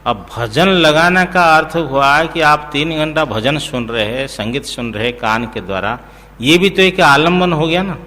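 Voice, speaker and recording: A man as a spiritual teacher, giving a scripture discourse in a slow, explanatory way, chanting verses and checking that listeners follow. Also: on the high side, animated, sharp tone, big-room sound.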